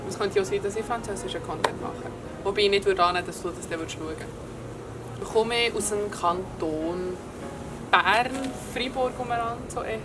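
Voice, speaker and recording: A woman's voice: medium pitch, moderate pace. A woman with a Swiss German accent, playing a casual guessing game in a playful, giggly way. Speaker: guest. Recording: distant mic in a noisy place with vehicles.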